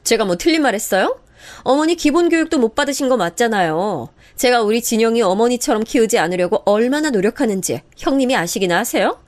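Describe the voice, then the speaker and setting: Woman doing a high, shrill, snobbish young wife for a radio story; sneers and yells. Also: expressive, a little fast, natural voice. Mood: scornful. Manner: sneering, shouting. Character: shrill arrogant young mother, a professor.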